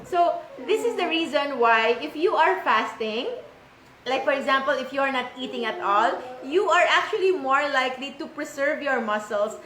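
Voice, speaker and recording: High-voiced Filipino woman doctor lecturing. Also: expressive, normal speed, a bit bright, a little hiss or hum. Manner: explanatory, repeats key terms for emphasis. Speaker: physician host of a live health show. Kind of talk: live health lecture. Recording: echoey room.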